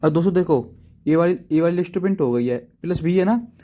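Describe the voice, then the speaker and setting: Chatty man teaching coding, dark voice. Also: fairly high pitch, animated, brisk. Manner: chatty, repeats "ठीक है दोस्तों" often; self-deprecating asides to viewers. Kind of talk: casual tutorial explanation. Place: at home writing in a notebook.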